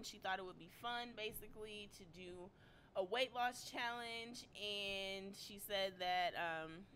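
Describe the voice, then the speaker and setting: A woman's voice: mid-range voice, fairly bright tone, slight background noise. Chatty woman hosting a live stream. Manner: chatty, greets viewers, fillers like um. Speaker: YouTube commentary host. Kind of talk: casual live-stream commentary.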